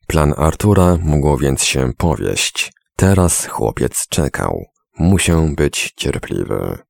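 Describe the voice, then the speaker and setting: Male audiobook narrator, extremely low bass with gravel, expressive rise and fall, dry close sound. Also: no echo. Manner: measured, dramatic storytelling. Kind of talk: scripted narration.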